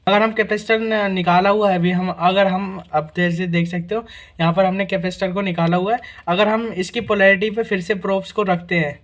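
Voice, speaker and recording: In a relaxed repair demonstration, this man takes viewers through every test one step at a time, repeatedly saying "guys" and "theek hai na." He speaks with a high, fairly bright voice.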